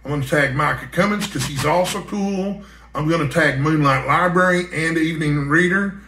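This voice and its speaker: Speaking at normal speed in a slightly high, bright, forceful voice, this American book vlogger rambles folksily in a casual talk to camera. The echoey, roomy sound comes from an indoor room at home.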